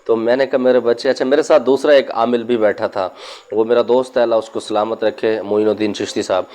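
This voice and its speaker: A spiritual healer speaks to his viewers from inside a room, offering sincere religious warnings and anecdotes from his practice. He has a medium-pitched, slightly mellow voice with fairly even intonation.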